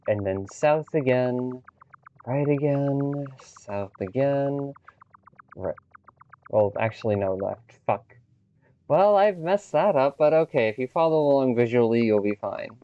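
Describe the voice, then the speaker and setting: Mellow, smooth-voiced man narrating a walkthrough. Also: mid-range voice, lo-fi sound. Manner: wry, offhand, swears when he slips. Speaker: game guide narrator. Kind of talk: casual gameplay walkthrough narration.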